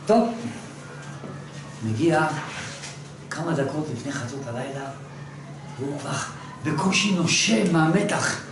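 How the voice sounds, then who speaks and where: Animated male teacher, echoey room. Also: a little high, long pauses. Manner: animated storyteller, swings from hushed to loud. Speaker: religious teacher. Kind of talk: storytelling lesson to a class. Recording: echoey room, distant mic, noisy.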